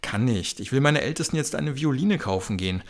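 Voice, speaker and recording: A man voicing a chatty, fitness-obsessed young mother, his gravelly voice nudged higher for her. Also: expressive, brisk, close to an everyday voice. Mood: eager. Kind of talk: comic audio story.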